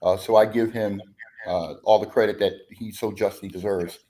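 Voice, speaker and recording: A man's voice: fairly low pitch, fairly even intonation, normal speed, warm tone, slight background noise. A man who leads a band, chatting as a podcast guest, rambling with lots of fillers and restarts. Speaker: guest musician, bandleader. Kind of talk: casual podcast chat.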